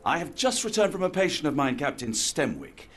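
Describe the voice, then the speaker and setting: A man's voice: fairly high pitch, sing-song, brisk, fairly bright tone, slight background noise. A man playing a polite, dryly exasperated British army doctor in a video game cutscene. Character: exasperated, well-mannered male army doctor, dry-humoured companion.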